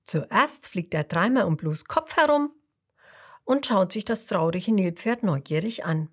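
A woman narrating a children's bedtime story gently and expressively, dropping into whispers and asking the listener questions. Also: mid-range voice, expressive, unhurried, slightly rough.

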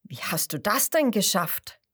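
A big, earnest crocodile, as a woman reading aloud puts him on, speaking slow and wondering in a slightly lowered voice. The delivery stays unhurried and storybook-simple. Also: very animated, a bit bright, breathy edge, dry recording, studio quality, exaggerated voice. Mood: amazed.

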